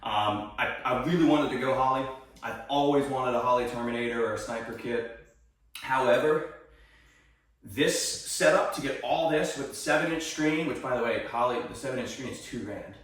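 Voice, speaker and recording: A man's voice: mid-range voice, a bit bright. Young man, garage vlog host, rambling chatty talk, slightly winded, roomy garage echo. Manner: rambling, chatty, many fillers. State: out of breath. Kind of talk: casual workshop vlog. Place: home garage.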